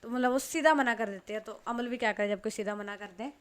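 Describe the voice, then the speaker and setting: Woman narrator, chatty casual storytelling, fairly high voice. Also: fast, fairly bright tone, smooth. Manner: chatty, retells the story in her own words. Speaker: audiobook narrator.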